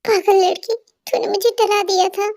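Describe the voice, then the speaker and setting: A woman's voice: very high-pitched, steady tone, normal speed, vocal fry, a little mellow, no room sound. A woman voicing a strict, protective older brother who scolds his sister, in an amateur audio drama dub. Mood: scolding.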